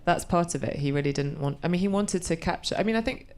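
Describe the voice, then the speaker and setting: A woman in her forties, an actor, is interviewed conversationally about her work, thinking carefully and often restarting as she hunts for words. Her voice is fairly low, darkish, and clean, and she speaks quickly.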